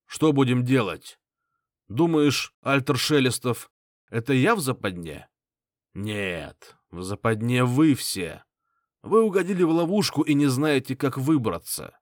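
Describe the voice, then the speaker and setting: A man's voice: medium pitch, animated, unhurried, no room sound, clean studio sound, lightly acted. A man voicing a defiant hero who taunts his enemies. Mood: taunting.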